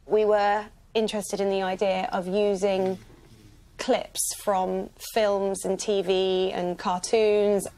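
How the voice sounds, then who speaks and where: A woman's voice: mid-range voice, level tone, takes it slowly, dark tone. A woman, a design strategist, explaining an idea in a friendly, explanatory way.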